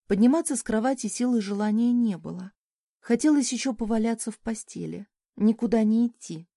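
Female audiobook reader with a warm, mellow voice, expressive first-person narration in a dry booth. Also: mid-range voice, dry recording. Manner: lively, expressive reading.

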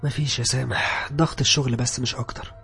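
A man voicing a tired, jumpy young woman journalist with an Egyptian accent, speaking fast in a raised voice. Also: medium pitch, steady tone, gravelly, sharp tone, faint music behind, voice pushed up. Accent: Egyptian Arabic.

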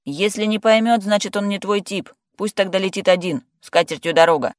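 A reader voicing a calm male friend who teases and talks matter-of-factly. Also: high-pitched, brisk, dry recording, clean studio sound, pitched above the performer's own voice, close to an everyday voice. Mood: teasing. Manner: teasing, matter-of-fact. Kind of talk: audiobook character voice.

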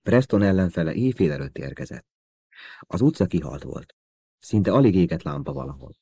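Man, audiobook narration, steady pacing, deep dark voice, dry studio sound. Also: gravelly, breathy edge, dry recording. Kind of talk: scripted narration.

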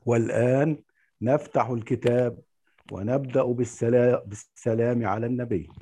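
A man reading in the measured, formal style of a storyteller narrating a classical Arabic tale. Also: mid-range voice, steady tone, dark tone, husky. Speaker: actor reading the storyteller part at a play reading.

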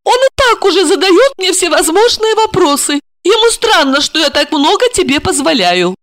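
A woman's voice: very animated, normal speed, fairly bright tone, no echo, heavily acted. A woman reading an audiobook and voicing a young émigré woman who pleads anxiously and tearfully. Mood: reproachful. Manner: high, anxious, imploring.

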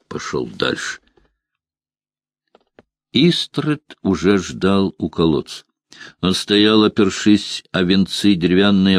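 Man, audiobook narration, low voice, slow, dry close mic. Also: no echo. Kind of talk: scripted narration.

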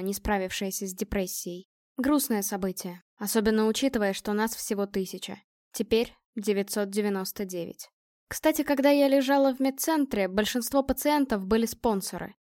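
A woman reading a first-person audiobook in a calm, measured storytelling manner. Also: medium pitch, no echo, clean studio sound. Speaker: audiobook narrator.

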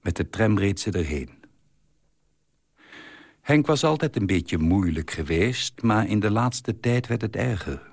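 A man reads a short story aloud in a calm, measured way. His voice is very deep and gravelly, with a husky edge. He takes his time, and the sound is dry and close. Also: dry recording. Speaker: story reader. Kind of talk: scripted narration of a short story.

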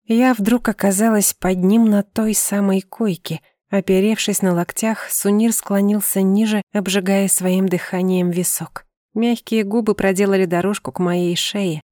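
Brief: a woman narrator for an audiobook, soft mellow tone, calm and measured, dry close sound. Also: medium pitch, no room sound. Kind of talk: scripted first-person narration.

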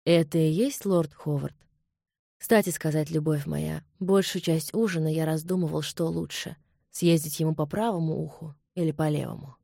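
A woman reading the part of a suave young Scottish gentleman who speaks softly and calmly. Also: normal speed, gravelly, no echo, studio quality. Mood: velvety, calm. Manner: soft, low, velvety and calm.

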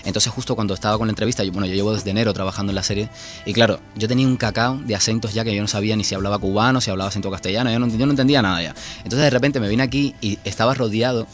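This is a man born in Cuba, speaking as a guest on a radio show. He sits low in his voice and talks in a lively, self-mocking way, with light music playing softly behind him. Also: very fast. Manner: animated, self-mocking, chatty. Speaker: guest author and actor. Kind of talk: casual radio interview chat.

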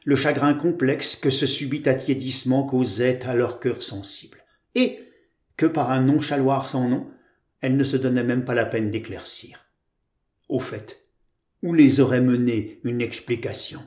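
A man narrating a classic story in a measured literary reading. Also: mid-range voice, fairly even intonation, a little mellow, echoey room. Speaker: audiobook narrator. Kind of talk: scripted narration.

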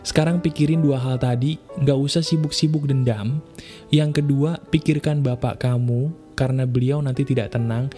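A man, hosting an advice show and answering listener emails in a casual, lively way, mixing slang and acting out quoted voices. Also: medium pitch, moderate pace. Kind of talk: casual spoken advice monologue. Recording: soft guitar music behind.

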